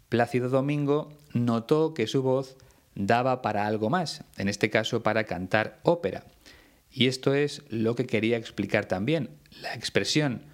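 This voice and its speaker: Man, Spanish accent from Spain, slow measured lesson, spells out letters. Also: mid-range voice. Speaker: Spanish teacher.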